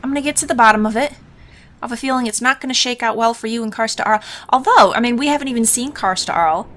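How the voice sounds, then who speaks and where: A woman's voice: on the high side, quick pace, a bit bright. A woman hosting a casual let's play, musing aloud informally as she comments on the game. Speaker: gaming host.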